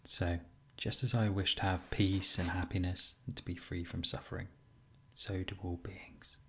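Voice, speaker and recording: Low-voiced man guiding a meditation. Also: flat delivery, a little hiss or hum. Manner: gentle, soothing, unhurried instruction with pauses. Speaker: meditation teacher. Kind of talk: guided compassion meditation.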